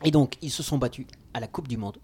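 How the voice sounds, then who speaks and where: Podcast co-host, man, mid-pitched, amused storyteller. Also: quick pace, a little mellow, slightly rough. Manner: storytelling, amused, lists details. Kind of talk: casual chat.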